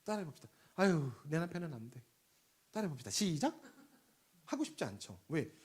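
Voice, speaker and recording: A man preaching a sermon in a lively, conversational way, leading the congregation in call-and-response and swinging between loud emphasis and quiet asides. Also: on the high side, fairly quick, breathy edge.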